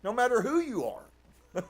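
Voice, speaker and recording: A man preaching earnestly as a pastor, reading from a book and reflecting on it with soft laughs. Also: very high-pitched, huge pitch swings, slow. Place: live stream.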